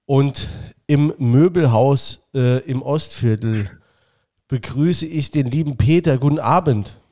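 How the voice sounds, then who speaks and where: A man's voice: medium pitch, slow, dark tone. A man hosting a casual fan podcast over a virtual call, chatting loosely with many fillers and restarts. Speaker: podcast host. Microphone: remote call setup.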